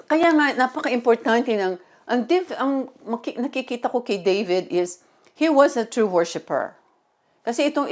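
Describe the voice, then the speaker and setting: A woman pastor giving a sermon with personal testimony, talking in an animated, conversational way with many fillers. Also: fairly high pitch.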